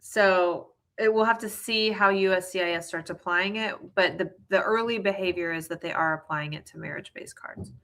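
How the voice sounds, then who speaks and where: Woman, immigration attorney, lowish pitch, bright sound, chatty and reassuring answers. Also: moderate pace. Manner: casual, explanatory, frequent fillers. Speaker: immigration lawyer. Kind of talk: live viewer Q&A.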